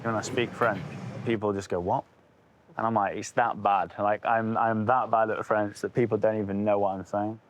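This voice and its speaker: A man's voice: on the low side, little pitch movement, normal speed. A young man with a Yorkshire accent, an airline first officer chatting candidly and poking fun at himself. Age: young adult. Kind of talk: candid casual chat.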